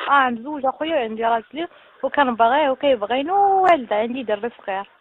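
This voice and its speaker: High, fast Moroccan woman on a landline phone. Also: animated, no echo. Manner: brisk, scolding, quick to lose patience. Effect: heard over a landline phone. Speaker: phone call recipient. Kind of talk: casual phone call. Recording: tinny dry phone line.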